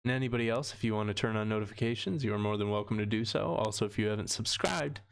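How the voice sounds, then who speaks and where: A man's voice: fairly low pitch, quick pace, creaky, noisy background. Easygoing man hosting a late-night livestream. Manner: rambling, easygoing, laughs often. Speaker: livestream host. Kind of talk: casual livestream chat. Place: home room with shelves of books.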